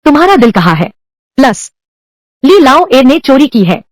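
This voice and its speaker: A woman's voice: sits high, sing-song, moderate pace, no room sound. A woman doing heated, accusatory dubbed drama dialogue across several roles.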